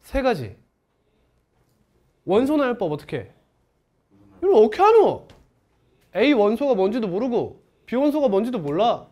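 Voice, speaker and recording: Lively male math teacher with a swinging pitch. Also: normal speed, long pauses. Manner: lively teacher who asks the class questions and answers them himself. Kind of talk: classroom math lecture.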